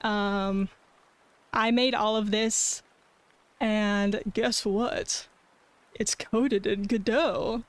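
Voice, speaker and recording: A woman's voice: medium pitch, steady tone, very slow, long pauses, no echo. A woman streamer chatting casually with her live viewers in a cute, bubbly anime-streamer manner. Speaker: streamer and artist hosting a cozy art stream. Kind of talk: casual livestream chat.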